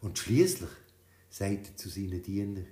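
Expressive storyteller man. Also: deep voice, measured pace. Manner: lively, expressive telling. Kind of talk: children's story reading. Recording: roomy echo.

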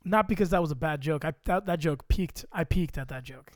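A man's voice: on the high side, fairly quick, no room sound. A young man co-hosting a casual podcast. He jokes, teases and drops silly mock raps into a close microphone. The sound is dry. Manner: joking, playful trash talk and mock rapping. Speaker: podcast co-host. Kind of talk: casual chat. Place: home room at a computer.

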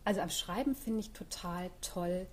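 A woman's voice: fairly low pitch, normal speed. A middle-aged woman author chatting reflectively in an interview, with frequent fillers. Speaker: author guest. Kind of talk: casual interview talk.

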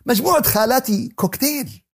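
A man's voice: very high-pitched, animated, fast, vocal fry, slightly rough, voice pushed up, heavily acted. A man voicing a young male student in a lesson, who pleads and makes casual excuses to his teacher. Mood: pleading.

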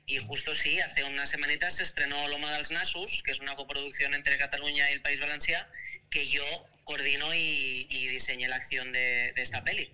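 Bright-voiced man on a phone call. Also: on the high side, little pitch movement, brisk, smooth. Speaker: guest, stunt coordinator. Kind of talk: casual interview on a phone call.

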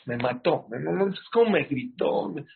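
A man giving an animated sermon, full of rhetorical questions to his listeners. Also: fairly high pitch, normal speed, gravelly, slight background noise. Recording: muffled lo-fi sound.

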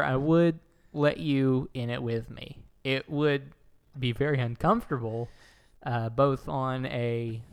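A man's voice: medium pitch, clear, resonant tone. A man co-hosting a podcast from his bathtub, joking through casual banter, his voice ringing with an echo like an indoor swimming pool. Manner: jokey, playfully absurd banter. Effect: echoey bathtub sound, like an indoor swimming pool. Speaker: podcast co-host. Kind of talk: casual chat. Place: inside his bathtub at home. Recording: echoey tiled-bathroom recording.

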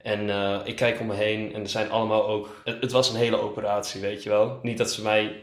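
A man's voice: on the low side, fairly quick. A young man in casual chat, telling a story with lots of laughter and acted-out quotes. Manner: animated storyteller, laughs often, acts out quotes. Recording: echoey room.

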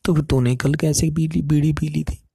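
A man voicing a gentle, loving aunt who speaks softly and calmly. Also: a little high, moderate pace, gravelly, husky, no echo, clean studio sound, pitched above the performer's own voice, exaggerated voice. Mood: tender. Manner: soft, calm, affectionate questioning.

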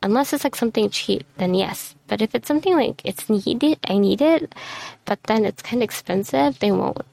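A woman's voice: mid-range voice, animated, moderate pace, gravelly, darkish tone, dry recording. A tired woman venting frankly into her microphone at home, swearing now and then and close to tears. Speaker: vlogger. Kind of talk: casual ranting monologue. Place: messy room at home. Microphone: desk microphone.

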